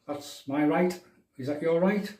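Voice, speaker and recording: A middle-aged man from County Durham, England, hosts a shaving livestream, chatting casually with viewers in a matey, bantering way while he demonstrates. His voice is soft and mellow, on the high side, and a little slow. He's recorded away from the mic in an echoey, roomy bathroom.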